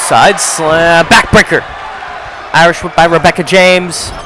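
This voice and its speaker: A man with a high voice calls a wrestling match move by move, often shouting over it. His voice is going hoarse. A loud crowd and game sounds fill the background. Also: fairly even intonation, background noise. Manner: fast play-by-play, often shouting. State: losing his voice. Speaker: play-by-play commentator. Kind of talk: video game wrestling commentary.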